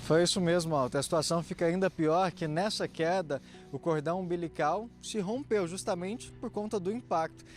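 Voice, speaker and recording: A man's voice: high-pitched, normal speed, few pauses, faint music behind. Man reporting live from the field. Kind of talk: live on-location news report.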